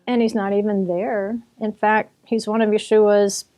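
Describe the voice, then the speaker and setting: An author and Bible teacher explains history in a mellow, warm, mid-range voice, level in tone and unhurried. She's chatty like a teacher talking with a friend, restarting sentences, circling back, and laughing now and then.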